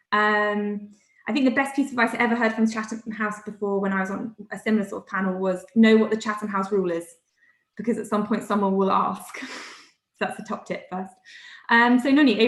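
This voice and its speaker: A woman with a fairly high voice moderates a panel on a video call. She speaks briskly, and the room around her echoes.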